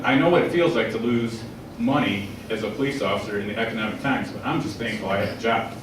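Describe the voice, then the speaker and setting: A man's voice: on the low side, noisy background. A man in his forties, a candidate answering questions at a public forum in a plain-spoken, earnest way, heard from far off in a large echoey hall. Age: 40s. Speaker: political candidate.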